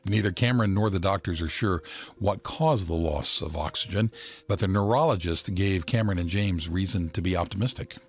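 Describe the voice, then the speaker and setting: A man's voice: deep voice, fairly quick. A man reading scripted narration of a true story.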